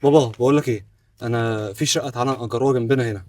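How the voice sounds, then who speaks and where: Man playing a devoted son, Egyptian accent, emphatic, quick speech. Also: mid-range voice, mellow, natural voice. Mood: determined. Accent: Egyptian Arabic. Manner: earnest and emphatic. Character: loyal, determined son returned from abroad. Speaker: son returning home. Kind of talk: web drama acting.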